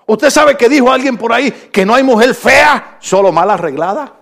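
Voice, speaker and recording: A middle-aged male pastor with a high voice that turns gravelly. He preaches in a joking, conversational way, teasing the congregation and now and then shouting a line. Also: expressive, normal speed. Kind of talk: humorous sermon.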